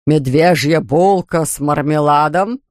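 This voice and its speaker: A reader voicing a stern, pompous older male judge who speaks slowly and gruffly. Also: mid-range voice, no echo, studio quality, lightly acted. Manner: slow, gruff, barking.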